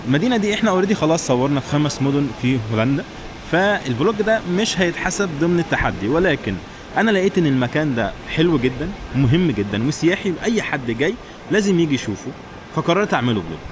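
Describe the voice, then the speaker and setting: A travel vlogger with an Egyptian Arabic accent chats casually to camera out on the town streets, speaking directly to his viewers. His voice is on the high side, with big pitch swings and a fast delivery. The recording clearly picks up street and traffic noise.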